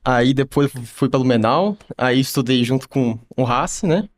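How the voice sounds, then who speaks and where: A young adult man from Brazil, a university student guest, introducing himself in a relaxed, slightly hesitant way. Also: mid-range voice, normal speed.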